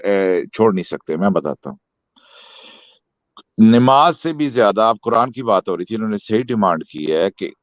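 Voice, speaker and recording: Low-voiced man urging calm. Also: no echo, highs cut off. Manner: calming, lecturing, asks for slower talk. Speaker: guest joining debate. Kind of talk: heated online debate.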